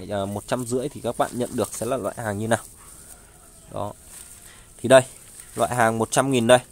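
A man selling plants in a casual sales pitch, listing wares and prices in a halting way with frequent pauses. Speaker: online plant seller. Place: outdoors, beside goods laid on a tarp. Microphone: handheld phone filming the goods.

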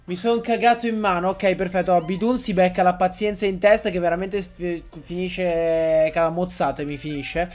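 A young man giving excitable, joking Let's Play commentary to his viewers, often swearing. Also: high voice, moderate pace, few pauses, faint music behind. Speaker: gaming YouTuber.

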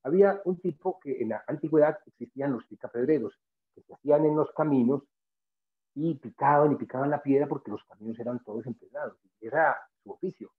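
A man's voice: mid-range voice, fairly quick. A man guest speaker giving a spiritual motivational talk, earnest and emphatic, repeating phrases to drive points home. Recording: tinny phone-like sound.

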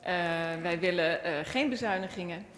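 A woman member of parliament speaking in a panel debate, lively but stumbling in places, in a large conference hall. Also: lowish voice, normal speed. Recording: echoey hall.

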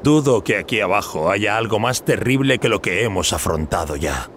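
Commanding, animated young warrior prince. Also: male voice, on the low side, moderate pace, slight background noise. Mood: defiant. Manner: commanding, declamatory. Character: proud, determined young human warrior prince. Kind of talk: scripted fantasy game acting. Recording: game sound effects behind voice.

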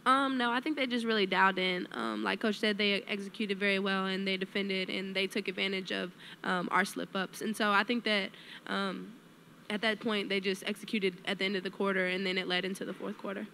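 Young woman college player, postgame presser; bright tone, soft, hesitant fillers, faint room noise. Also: medium pitch, little pitch movement, brisk, gravelly. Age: young adult. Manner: soft-spoken, many fillers. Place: press room with sponsor backdrop. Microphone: table mic on a stand.

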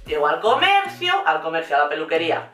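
A young adult woman from Spain with a Spanish accent, telling a story in a vlog while doing her makeup, theatrical and animated, acting out her quotes. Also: deep voice, fairly quick. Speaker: vlogger. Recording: roomy echo, mic at a distance, faint music.

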